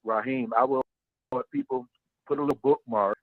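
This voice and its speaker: A man's voice: mid-range voice, normal speed, no room sound. A man speaking earnestly and personally as a panelist on a radio show. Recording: muffled, dry radio feed.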